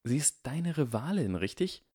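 A man's voice: mid-range voice, big pitch swings, normal speed, dark tone, husky, no room sound, clean studio sound, voice pushed up. A man reading aloud and voicing a proud, scheming aristocratic boy wizard who speaks in a wary, pointed way.

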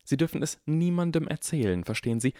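A severe elderly professor , as a man puts her on, speaks in harsh, clipped whispers. The voice sits well above the reader's own low register. The recording is dry and close, as in an audiobook. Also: animated, quick pace, warm tone, dry recording, lightly acted. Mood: stern hushed. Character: stern elderly female professor, strict.

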